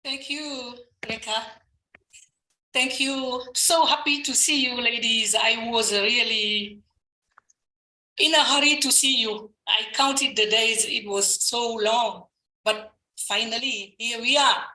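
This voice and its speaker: Bright, eager woman in an echoey room. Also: fairly high pitch, slow pace. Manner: eager, upbeat. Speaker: guest speaker. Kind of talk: enthusiastic speech. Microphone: video call.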